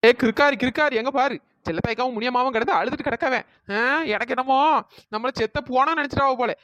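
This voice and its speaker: A woman's voice: high voice, fast, fairly bright tone, dry recording. A woman doing a cheeky, lazy village woman. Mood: teasing. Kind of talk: cartoon voice acting.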